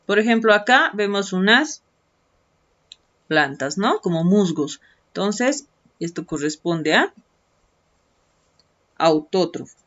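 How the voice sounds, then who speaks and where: A woman's voice: mid-range voice, lively intonation, takes it slowly, long pauses, a bit bright. Patient woman teacher explaining a textbook. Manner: patient, explains step by step, adds "¿no?" tags; stretches out key words while writing. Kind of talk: online lesson walkthrough of textbook activities. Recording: dull lo-fi screen-recording audio.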